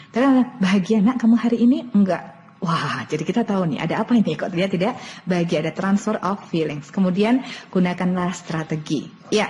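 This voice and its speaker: A woman leads an online lesson for parents in an even, mid-pitched voice. She explains step by step and repeats her key points. Her voice trails off in a long reverb over faint background noise. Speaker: parenting webinar presenter. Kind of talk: online lecture. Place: online webinar.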